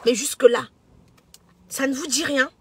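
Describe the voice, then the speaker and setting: Cameroonian woman in her thirties, high-pitched and sharp, preachy social media rant, dry close sound. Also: measured pace, no echo. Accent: Cameroonian French. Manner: impassioned, preachy, stumbles and repeats words. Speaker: social media personality and entrepreneur. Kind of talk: emotional direct-to-camera social media monologue.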